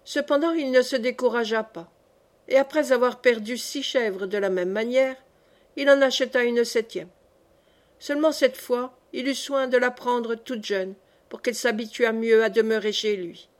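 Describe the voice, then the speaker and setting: A woman reading a classic story aloud as an audiobook narrator, with an expressive, measured storytelling manner. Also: fairly high pitch. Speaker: audiobook reader.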